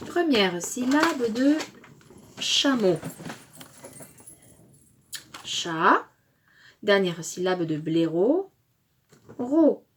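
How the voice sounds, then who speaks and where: Slow, lively-voiced woman teaching syllables. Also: medium pitch, breathy edge. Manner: slow and deliberate, stressing each syllable loudly; encouraging, praising the listener. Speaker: kindergarten teacher. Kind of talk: phonics lesson for young children.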